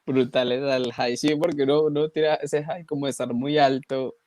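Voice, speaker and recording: A man hosting an interview in a relaxed, slangy way. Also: medium pitch, normal speed. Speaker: podcast host. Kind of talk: casual interview chat.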